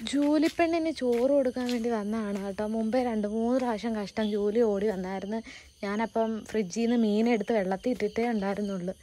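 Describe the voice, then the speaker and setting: Woman outside cooing at her pet in baby talk, high voice, faint crickets behind. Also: fast, warm tone, a little hiss or hum. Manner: coaxing sing-song baby talk to an animal. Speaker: vlogger. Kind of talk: casual vlog chat while feeding a pet.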